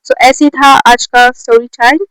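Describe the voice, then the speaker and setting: A woman vlogger telling a personal story to camera in a casual, animated way, dropping English words into Hindi. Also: on the high side, a little slow, clean tone, dry recording, poor audio.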